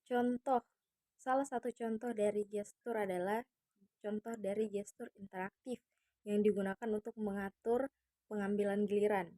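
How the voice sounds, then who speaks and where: A woman student gives a measured class presentation, moving between English and Indonesian. Her voice is mellow and unhurried. The recording is dry and close. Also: mid-range voice, steady tone, no room sound, low-quality recording.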